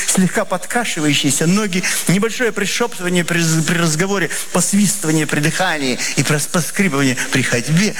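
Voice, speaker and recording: A man with a fairly high voice performs a comic monologue. His delivery is deadpan and wry, like a mock confession, over a faint hum of background noise.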